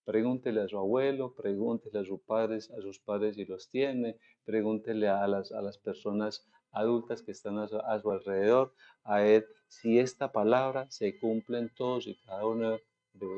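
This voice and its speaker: A male pastor from Colombia with a Colombian Spanish accent, preaching a sermon slowly and deliberately, drawing out the scripture he quotes. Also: on the low side, fairly even intonation, mellow, dull audio.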